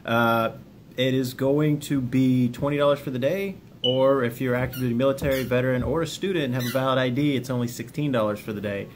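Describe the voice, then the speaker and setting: Fairly quick and medium in pitch, an army-veteran host offers self-help lessons in an informal video, partly reading a book overview. He talks straight to viewers, folksy and plainspoken, with occasional jokes. Background noise can be heard.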